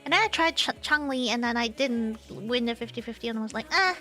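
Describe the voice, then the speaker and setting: Bright high-voiced woman streamer, chatty. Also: a little fast, faint music behind. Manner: chatty, teasing, rambling with restarts. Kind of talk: casual livestream chat.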